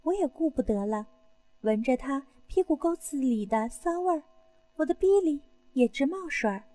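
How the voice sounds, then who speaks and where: A woman narrates an erotic audio story in the first person. Her voice is high and light, intimate and breathy throughout. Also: lively intonation, normal speed, warm tone.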